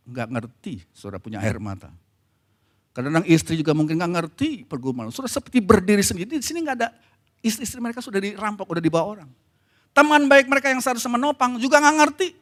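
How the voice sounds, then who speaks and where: High-voiced male pastor preaching. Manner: conversational preaching, swinging from soft to emphatic. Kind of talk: sermon. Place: church.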